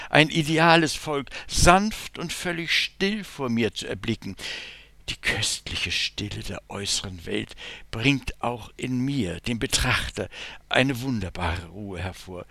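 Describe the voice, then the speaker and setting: A man giving an expressive literary reading of a first-person letter, swelling in loudness on emphatic phrases. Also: medium pitch, no echo. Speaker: reader.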